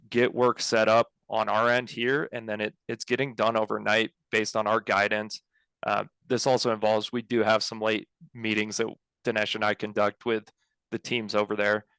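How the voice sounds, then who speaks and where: Speaking casually into a video-call headset from an indoor home office, this young co-founder of an engineering firm, a Colorado native, handles interview questions with plenty of fillers and restarts. He pitches on the low side with vocal fry and a smooth quality, in a rough recording free of room sound.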